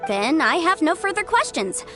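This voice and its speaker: Bright, playful young legal advisor. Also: female voice, very high-pitched, big pitch swings, normal speed, over music. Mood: confident. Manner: crisp, confident and lightly amused.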